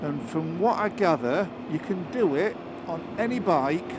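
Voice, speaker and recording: Loud wind on the mic and engine noise surround a British man with a slightly high voice. He talks casually as he rides a motorcycle outdoors, musing aloud in a chatty, unscripted way. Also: expressive, unhurried. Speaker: motorcycle vlogger. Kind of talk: casual riding commentary. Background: loud wind, engine and traffic noise.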